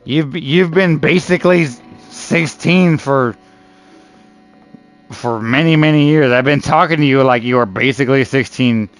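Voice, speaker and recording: A gaming streamer in his early thirties chats with friends in an unhurried, mid-range voice. The talk is loose, slangy, and teasing, with plenty of "dude" and "bro" and the occasional swear word.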